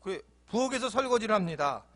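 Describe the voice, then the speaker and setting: A man's voice: high voice, lively intonation, fairly quick, a bit bright. A male pastor preaching a sermon in a church, playful and often laughing.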